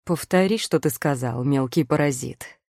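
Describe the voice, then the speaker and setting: A woman playing a sleepy, teasing young male warlock husband who speaks low, muffled and warm. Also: moderate pace, no echo, studio quality. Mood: drowsy, teasing.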